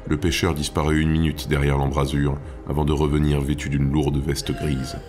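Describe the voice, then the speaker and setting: A man narrating his own audiobook in a measured, storytelling manner. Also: extremely low pitch, monotone, darkish tone, faint music behind.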